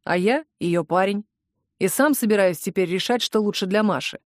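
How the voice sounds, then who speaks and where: Woman reading a smug, unhurried young man. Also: mid-range voice, no room sound, clean studio sound, close to an everyday voice. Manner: mocking, unhurried. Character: cocky calm young man, smoking boyfriend.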